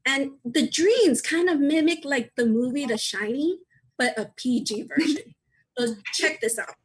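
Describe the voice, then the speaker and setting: A woman's voice: fairly high pitch, a bit bright, breathy edge, rough recording. A woman in her thirties doing a chatty, self-deprecating stand-up set over a video call. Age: 30s. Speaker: stand-up comedian.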